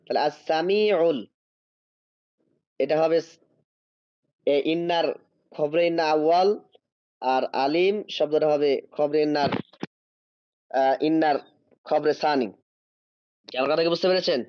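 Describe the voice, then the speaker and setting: A man's voice: a little high, steady tone, muffled recording. A man teaching an online Arabic grammar class, explaining step by step, drawing out each Arabic word as he reads it, and checking whether students follow. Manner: drawn-out reading of Arabic words.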